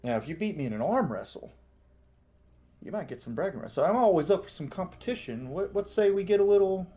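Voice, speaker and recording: A man's voice: high voice, lively intonation, dark tone, pitched above the performer's own voice. A man voicing a big, boastful strongman adventurer who coaxes a rival into a contest. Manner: coaxing, boastful, drawn-out.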